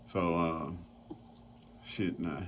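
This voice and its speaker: A man's voice: low-pitched, fairly even intonation, drawn-out words, fairly bright tone. A man hosting a casual roundtable chat, loose and profane, rambling as he talks. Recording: dull lo-fi sound, faint noise.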